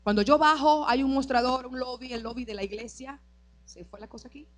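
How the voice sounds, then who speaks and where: Woman pastor, sermon testimony, fervent, loud then hushed, church service. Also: high voice, a little fast. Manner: passionate preaching, swings from loud declarations to soft tearful recollection.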